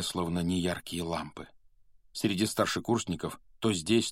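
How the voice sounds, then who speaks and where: A man narrating a fantasy audiobook in a measured storytelling way. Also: low voice, breathy edge, no room sound, studio quality. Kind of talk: scripted narration.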